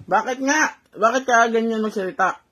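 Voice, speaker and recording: A woman's voice: on the high side, a little fast, a bit bright, husky. A woman chatting casually with her talking pet, coaxing it with teasing questions. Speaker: pet owner.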